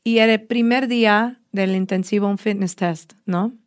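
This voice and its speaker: Enthusiastic woman fitness trainer, mid pitch. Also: normal speed. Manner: enthusiastic, animated storyteller. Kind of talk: casual interview storytelling.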